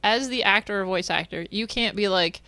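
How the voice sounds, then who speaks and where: Bright-voiced woman hosting a podcast. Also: mid-range voice, a little fast, no room sound. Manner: relaxed, asks questions, rambles in loose phrases. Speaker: podcast host. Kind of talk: casual podcast interview.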